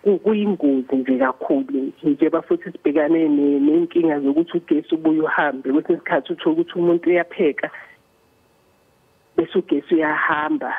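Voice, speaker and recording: A man's voice: a little high, fairly quick, husky. A man with a Zulu accent giving a hesitant interview as a spokesperson over a phone line, often repeating the starts of words. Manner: hesitant, repeats word beginnings. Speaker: emergency services spokesperson. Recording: tinny narrow-band phone line.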